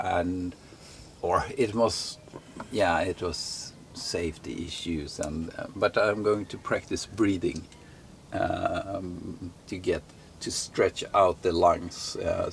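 A middle-aged Swedish-speaking man from Sweden chats casually in English on the deck of a sailboat in an anchorage, hesitating and using lots of fillers. He's a sailing vlogger with a deep, creaky voice, and there's a little hiss or hum on the recording.

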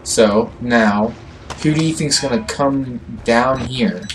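A man's voice: mid-range voice, slow, a little hiss or hum. A man co-hosting a horror game let's play, teasing his friend with crude jokes and frequent laughter. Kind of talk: joking gameplay banter.

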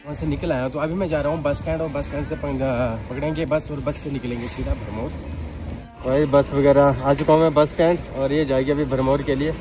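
A man's voice: medium pitch, steady tone, fairly quick, music in the background. A young man narrating a casual travel vlog, chatting to his viewers while holding his phone at arm's length, outdoors and in a small cafe. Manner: chatty, addresses viewers as guys. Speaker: travel vlogger. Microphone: phone camera at arm's length.

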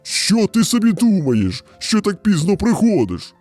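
A huge, bullying bear roars in a slow, drawn-out growl, as a male narrator puts him on. The voice swings wildly up and down with a dark, mellow tone. Dry close recording with soft music underneath. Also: high-pitched, sing-song, dry recording, full character voice. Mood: raging. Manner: roaring, drawn-out growling delivery. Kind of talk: storybook character voice.

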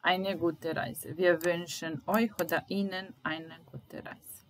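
A woman teaching a German lesson, saying sentences aloud and repeating each one slowly and carefully. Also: on the low side, fairly even intonation, a little hiss or hum, low-quality recording. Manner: slow, deliberate repetition of phrases.

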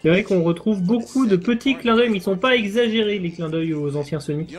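A man explaining game mechanics in measured live speedrun commentary, pausing with fillers. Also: high voice.

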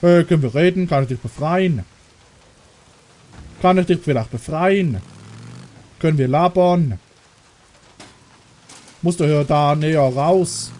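A German man narrates his gameplay in an unhurried, drawn-out way, his voice sitting a little high for a man. He talks straight to the characters on screen and swears when something surprises him. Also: a little mellow. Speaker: let's player. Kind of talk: casual gameplay commentary.

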